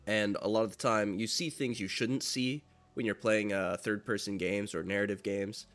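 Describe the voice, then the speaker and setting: A man's voice: lowish voice, steady tone, moderate pace, a bit bright, soft background music. A man co-hosting a podcast, chatting casually and rambling with lots of fillers and restarts. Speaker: podcast co-host. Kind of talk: casual chat.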